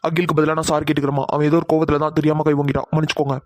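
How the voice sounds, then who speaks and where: A man voicing a polite young man in a cartoon, who speaks in a gentle, apologetic way. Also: a little high, little pitch movement, rapid-fire, no echo, natural voice. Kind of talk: cartoon voice acting.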